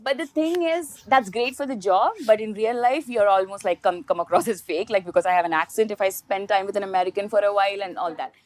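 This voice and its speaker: A woman's voice: mid-range voice, quick pace, few pauses, darkish tone. A woman with an Indian accent chatting casually in a group interview about her work. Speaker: film actor in a group interview.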